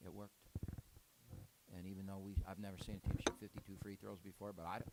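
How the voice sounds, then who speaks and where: A man's voice: deep voice, flat delivery, a little fast, very noisy. A man speaking as a head basketball coach at a post-game press conference, rambling and candid with frequent restarts.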